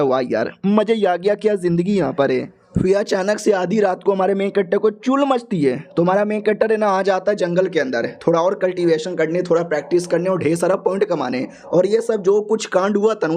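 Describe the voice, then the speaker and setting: A man's voice: sits high, a little mellow. A man casually retelling a manhua story, slangy and playful, voicing every character himself. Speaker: manhua recap narrator.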